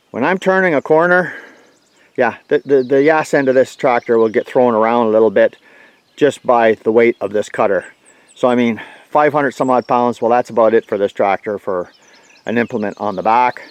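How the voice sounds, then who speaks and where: A man's voice: medium pitch, dry recording. A man giving a blunt, folksy, plainspoken walkaround review of his tractor outdoors. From Canada.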